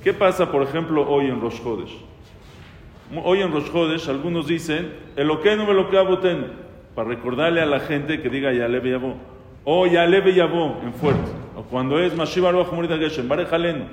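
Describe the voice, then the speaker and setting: A rabbi teaching a casual lesson on prayer law, talking conversationally, asking questions and quoting prayers aloud. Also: male voice, on the high side, fairly quick, slight background noise. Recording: echoey hall with faint ambience.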